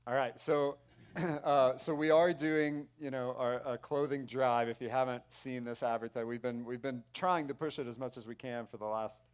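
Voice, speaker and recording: A man hosting a church service, making loose, halting announcements with many fillers and restarts. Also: medium pitch, steady tone, smooth. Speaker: church host. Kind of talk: casual stage announcements. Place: church sanctuary stage.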